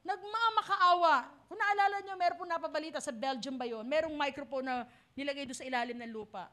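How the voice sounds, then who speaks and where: Woman pastor, Filipino accent, very high voice, bright tone, dramatic sermon delivery. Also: fast talker. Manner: dramatic, acts out voices of the lost.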